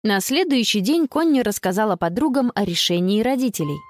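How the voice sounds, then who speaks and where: Expressive woman reading a children's story. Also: medium pitch, fairly quick, faint music behind. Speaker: narrator. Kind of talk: children's audiobook narration.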